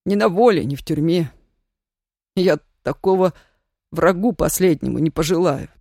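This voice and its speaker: Reader as young Roma man, stubborn, earnest, slow deliberate words, dry close sound. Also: medium pitch, darkish tone, dry recording, close to an everyday voice. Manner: slow, weighing each word.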